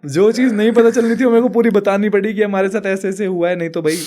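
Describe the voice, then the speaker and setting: A man's voice: high voice, steady tone, fast, dark tone. A young man, a podcast guest, telling a funny story in casual chat and laughing often.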